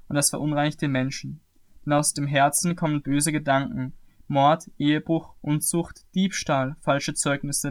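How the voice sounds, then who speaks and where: A calm, authoritative teacher, measured and earnest, as a man reads him aloud. The voice sits a little higher than usual for a man. It sounds like scripted scripture reading. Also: close to an everyday voice.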